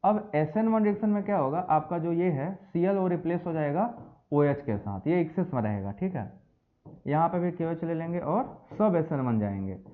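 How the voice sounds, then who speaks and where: Through tinny, phone-like audio, a man with a slightly high voice teaches chemistry at a moderate pace. His classroom manner is lively; he addresses the students as beta and bachche and slips English phrases into what he says.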